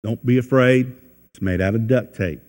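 A man with a drawl preaches in a plain, folksy way, asking his listeners questions and acting out the people in the story. His voice sits at a middling pitch and carries a long reverb from the large hall around him. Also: moderate pace, darkish tone. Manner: folksy, asks the listeners questions, acts out quotes. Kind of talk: sermon.

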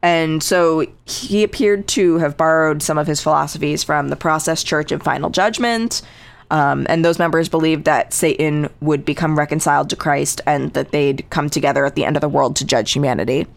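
A woman's voice: sits low, moderate pace, vocal fry. A woman co-hosting a podcast, casually telling a true crime story with dry, sarcastic asides and lots of fillers.

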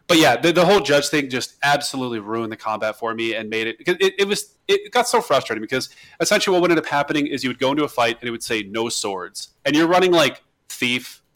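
A man co-hosting a podcast, chatting casually about video games, animated and ranting, often restarting his words. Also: mid-range voice, rapid-fire, few pauses. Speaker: podcast co-host.

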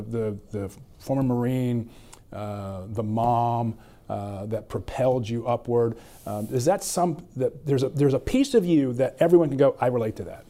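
Male host, interviewer, warm dark tone, rambling questions, restarts. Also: mid-range voice. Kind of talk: conversational interview.

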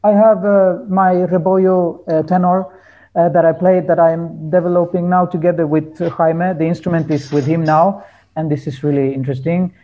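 A man who is a folk musician chats as a guest in a casual conversational interview, hesitating and searching for words in his non-native English. His voice is fairly high and warm, steady in tone, at a moderate pace, captured with lo-fi sound.

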